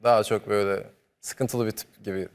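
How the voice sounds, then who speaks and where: A young man in his twenties, a studio guest answering questions modestly and softly. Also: on the low side, fairly even intonation, a little fast. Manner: modest and soft-spoken, sings softly. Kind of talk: interview answers. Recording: long studio reverb.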